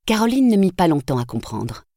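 A woman narrating a novel as an audiobook in a measured, even storytelling voice. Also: lowish voice, no echo, studio quality.

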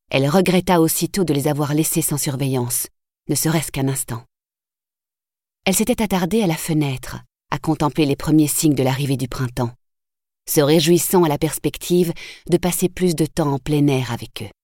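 A woman narrating a novel as an audiobook in a measured, even storytelling voice. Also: sits low, no echo, clean studio sound.

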